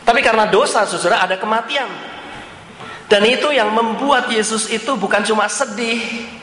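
A man's voice: high voice, normal speed, pushed and bright, slight background noise. A man preaching a sermon, often turning to his listeners with repeated rhetorical questions. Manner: keeps addressing listeners as "brother", asks repeated rhetorical questions. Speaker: pastor. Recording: echoey hall with long reverb, faint room ambience.

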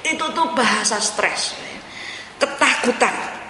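A woman preaching in a bright, sharp voice, turning often to the congregation as she talks. The sound rings out with a long echo through a large hall, and a faint room ambience sits behind her. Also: fairly high pitch, lively intonation, slow, a little hiss or hum. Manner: addresses listeners as saudara, mixes in English phrases. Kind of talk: sermon. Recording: echoey hall.

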